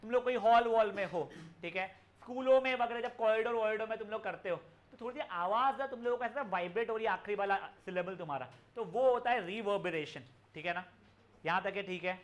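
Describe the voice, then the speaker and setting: Speaking quickly in a high-pitched voice, a young man lectures a live online physics class. His explanations mix Hindi and English conversationally, and he addresses the students with affection.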